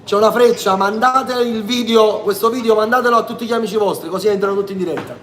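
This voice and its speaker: High-voiced southern Italian man, echoey room. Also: quick pace, slight background noise. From Sicily. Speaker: singer hosting a livestream. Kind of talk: casual livestream chat. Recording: echoey room, music behind.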